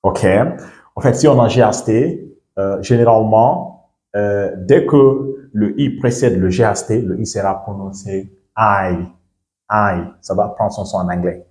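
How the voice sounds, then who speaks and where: This English teacher has a low, dark voice and takes his time as he gives a language lesson. He explains things step by step and frequently checks on his learners, with the sound echoing around the room.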